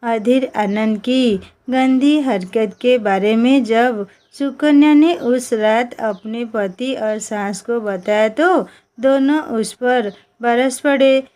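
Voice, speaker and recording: A woman narrating a moral story with steady, even reading. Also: a little high, takes it slowly.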